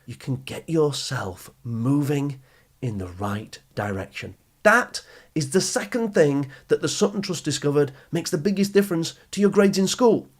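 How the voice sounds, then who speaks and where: A man with a slightly high voice and lively intonation speaks at a moderate pace, hosting an educational podcast for teenagers. As a coach for teens, he addresses the listener directly in an encouraging, instructive, emphatic motivational monologue.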